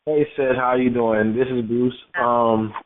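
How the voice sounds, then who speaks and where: A man's voice: medium pitch, little pitch movement, a little slow, slight background noise. A man from Florida calling into a talk show on speakerphone, rambling and repeating words as he gives his opinion. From Florida, United States. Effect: on speakerphone over a phone line. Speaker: caller. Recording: tinny phone-line audio.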